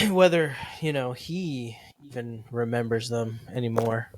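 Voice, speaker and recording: A man's voice: mid-range voice, steady tone, a little slow, no room sound. A man in his thirties co-hosting a family podcast, talking in a loose, casual way and saying "dude" often. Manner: laid-back, says "dude" and "like" a lot. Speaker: podcast co-host. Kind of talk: casual conversation.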